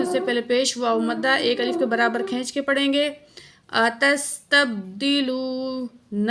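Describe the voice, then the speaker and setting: Patient woman teaching tajweed, gravelly voice. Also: fairly high pitch, a bit bright. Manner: patient, explaining letter by letter; slow drawn-out recitation of verses. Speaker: Quran recitation teacher. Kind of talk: word-by-word tajweed lesson with slow recitation.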